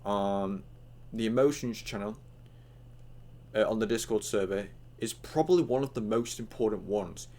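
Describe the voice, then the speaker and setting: A man's voice: fairly low pitch, moderate pace, mellow. A young man with hiccups giving a casual, rambling online tutorial, full of fillers and acted-out chat lines.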